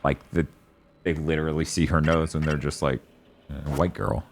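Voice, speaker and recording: An American streamer hosts a game stream with casual chat over gameplay, cracking jokes, laughing frequently and cursing. He has an extremely low voice with little pitch movement at a normal speed, and a little hiss or hum can be heard.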